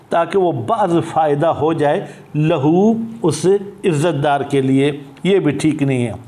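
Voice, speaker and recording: A male teacher leads a lesson on a religious law text in an unhurried, deliberate way. He reads each Arabic phrase slowly before explaining it, and often poses a question and answers it himself. His voice sits a little high for a man. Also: darkish tone. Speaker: teacher of Islamic jurisprudence.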